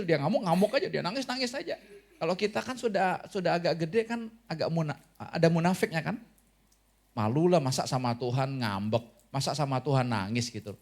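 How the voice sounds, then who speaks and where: A man preaching a sermon as pastor, lively and asking the congregation questions, with an Indonesian accent. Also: high-pitched.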